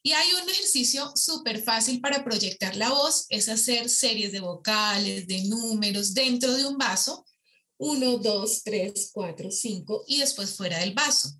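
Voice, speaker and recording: A woman's voice: on the high side, expressive, normal speed, few pauses, bright, forceful tone. A woman, a voice and speech coach answering interview questions and demonstrating vocal exercises aloud.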